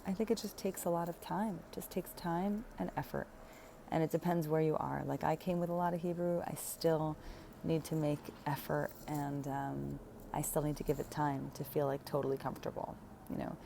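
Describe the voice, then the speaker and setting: An American woman in her thirties, a native English speaker, chats casually in a personal vlog, rambling with fillers, self-corrections and light laughs. Her deep voice has vocal fry and a flat delivery at a moderate pace, with background noise.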